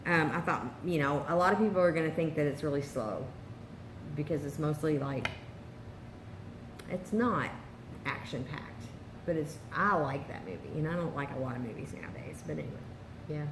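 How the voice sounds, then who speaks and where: Woman co-host, casual vlog chat, lowish voice, enthusiastic with frequent fillers; roomy echo. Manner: chatty, many "um" pauses, enthusiastic. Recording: roomy echo with faint background noise.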